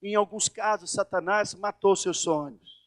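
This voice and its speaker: Very high-voiced impassioned male pastor. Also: measured pace, dry recording. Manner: impassioned, shifting from hushed to shouting. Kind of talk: sermon. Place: church.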